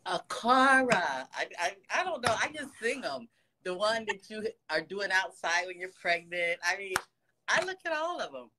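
An American woman in her sixties gushes warmly into a phone camera held close, praising and encouraging with frequent laughs during a casual video call as a fan. Her mid-range voice has a sing-song lilt at a moderate pace. She is in an office with ceiling lights, and the background is noisy.

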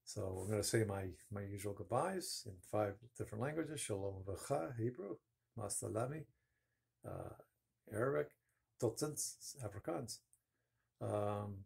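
A woodworking channel host in his fifties speaks unhurriedly in a lowish, expressive voice with vocal fry, a little mellow and husky. Holding his phone camera at arm's length, he casually shows his work in a home woodshop with a low ceiling, rambling and correcting himself as he goes.

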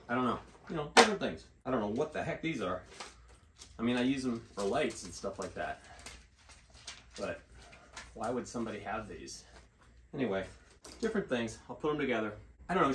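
A man's voice: medium pitch, slight background noise. A middle-aged man talking casually while he works on a costume piece in a cluttered home workshop, rambling and thinking aloud, picked up by a camera mic a little way off. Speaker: costume maker and vlogger.

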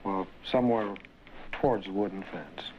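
A man recounting what he witnessed in a plain, halting, folksy way, on a 1960s vinyl record. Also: sits low. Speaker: eyewitness. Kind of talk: recounting an event in interview. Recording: dull, noisy vintage 1960s vinyl record.

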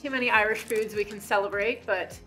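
A woman's voice: mid-range voice, fairly even intonation, brisk, a bit bright, low-quality recording. Chatty woman owner with faint music. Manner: friendly, chatty, laughs easily. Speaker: restaurant owner. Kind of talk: casual interview. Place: brick-walled restaurant booth, indoors. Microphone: lapel mic.

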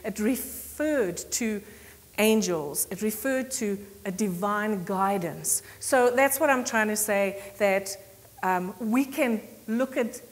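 A woman pastor from South Africa preaching a conversational sermon, telling a story with frequent laughter and lively quoted voices. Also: mid-range voice, slow pace, in a large hall. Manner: chatty, laughs often, animated quoting. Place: church sanctuary.

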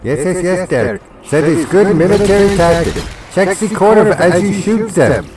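A man's voice: high voice, lively intonation, normal speed, a little mellow, slight background noise. A man voicing the disembodied brain of a military historian, with a slipping put-on German accent. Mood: approving. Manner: fussy, fake German accent that slips. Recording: echoey and distant.

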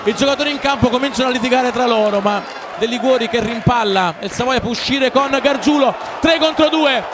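Breathless goal commentator, high-pitched man. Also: brisk. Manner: excited shouting, stretched-out goal calls, repeats names. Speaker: football match commentator. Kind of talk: breathless Italian goal commentary, live play-by-play. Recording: loud stadium crowd noise behind commentary. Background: cheering football stadium crowd.

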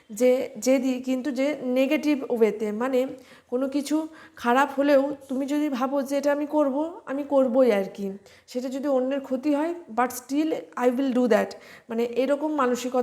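In an online vocabulary lesson, a female teacher speaks slowly in a fairly high but flat voice. She spells words letter by letter and fills pauses with a soft "ah."

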